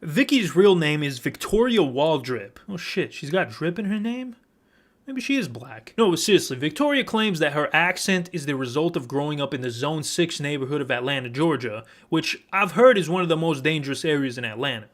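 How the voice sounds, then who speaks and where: A man's voice: on the high side, lively intonation, brisk, few pauses, fairly bright tone. A man hosting a commentary video, narrating with sarcastic, profane, mocking asides. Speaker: commentary host.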